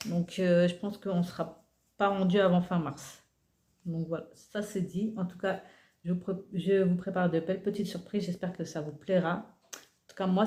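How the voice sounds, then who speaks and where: A woman's voice: on the low side, a little mellow. A woman in her forties chatting casually about her budget envelopes, filling her talk with hesitations and counting money aloud. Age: 40s. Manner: chatty, many fillers like euh and voilà. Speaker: budgeting vlogger. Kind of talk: casual chat while sorting cash envelopes. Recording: faint background noise with rustling clicks.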